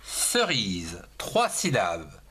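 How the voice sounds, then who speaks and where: A man teaching young children to write, moving through each word at a very slow pace. He spells out every letter and syllable one at a time, his voice rising and falling in a lively sing-song. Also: sits low, breathy edge.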